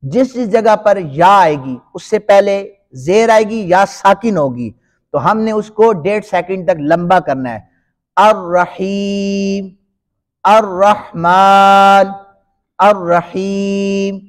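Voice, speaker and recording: A man with a fairly high voice teaches Quran recitation to a gathered class. He explains the rules patiently and then draws the words out long in a chanted recitation. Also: lively intonation. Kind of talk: tajweed lesson with recitation.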